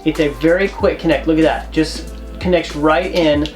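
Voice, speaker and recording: A man's voice: fairly high pitch, fairly even intonation, normal speed, faint music behind. A man co-hosting a travel vlog, giving tips in a chatty, joking, emphatic way. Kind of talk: casual how-to chat.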